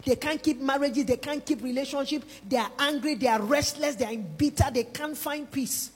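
In a large, reverberant hall, a woman delivers a sermon at a moderate pace, her high, bright voice stressing every point. She asks the congregation to lift their hands and say the words back to her, and the long echo rings out around her.

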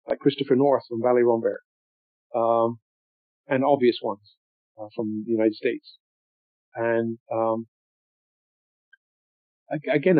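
A man's voice: mid-range voice, dry recording. Older man, reflective storyteller, hesitant and meandering; phone-like audio. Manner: rambling, thoughtful, many ums and restarts. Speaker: interviewee.

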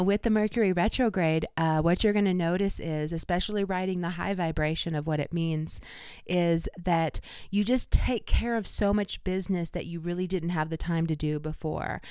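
A woman's voice: on the low side, smooth, no room sound, studio quality. A woman with a slight cold, chatting casually and enthusiastically to viewers as an astrologer. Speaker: astrologer giving a forecast.

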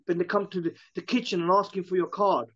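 A man's voice: high-pitched, steady tone, fast talker. Man, business owner, casual interview, rambling storyteller, dull lo-fi recording. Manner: chatty, restarts often, retells customer quotes.

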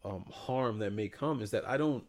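A man's voice: on the low side, normal speed, a little mellow. A young adult man co-hosting a podcast, giving blunt, profane, joking opinions in casual chat. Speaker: podcast co-host.

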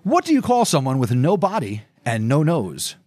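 A man's voice: a little high, wildly swooping pitch, moderate pace, darkish tone, no room sound, studio quality. A man telling one-liner dad jokes as the host, setting each one up and then delivering the punchline.

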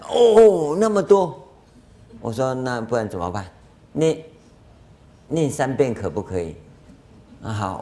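A man with a Taiwanese Mandarin accent giving a Buddhist dharma lecture as a master, telling anecdotes and acting out dialogue with chuckles. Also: medium pitch. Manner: animated storytelling, acts out dialogue, chuckles. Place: lecture hall.

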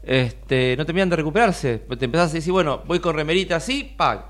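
A man's voice: fairly high pitch, a little fast. An Argentine man co-hosting a radio show in a casual, colloquial chatting style. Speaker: radio co-host.

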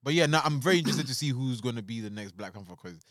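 An easygoing man chatting casually, speaking in quick bursts. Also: medium pitch, expressive, a bit bright, no room sound, studio quality. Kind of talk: casual chat.

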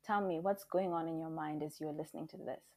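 A woman's voice: deep voice, steady tone, fast, darkish tone, dry recording. A woman who co-hosts a podcast, reading a story aloud and then talking about it in a heartfelt, emphatic way. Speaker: podcast co-host. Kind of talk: story reading and casual discussion.

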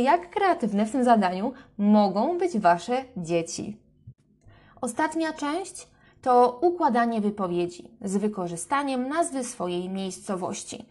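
Calm woman explaining games to parents. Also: medium pitch. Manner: calm, clear explaining with fillers. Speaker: speech therapist. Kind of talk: instructional talk to parents.

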